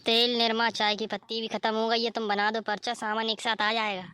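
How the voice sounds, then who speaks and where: A woman's voice: a little high, level tone, brisk, bright, forceful tone, clean tone, no echo. A woman voicing a scolding, complaining older mother-in-law in a cartoon story.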